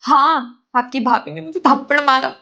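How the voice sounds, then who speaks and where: A pleading, aggrieved young bride, played by a woman talking to her husband on the phone in a homemade family drama. Her voice is high. The recording sounds dull and lo-fi. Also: normal speed, bright, forceful tone. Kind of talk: amateur family drama acting.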